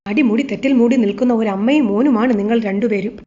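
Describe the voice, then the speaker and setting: Woman recapping as sharp-tongued young wife, raised voice, mellow tone, dull audio. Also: a little high, fairly quick, close to an everyday voice. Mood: indignant. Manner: indignant, accusing retorts. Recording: slightly dull lo-fi recording.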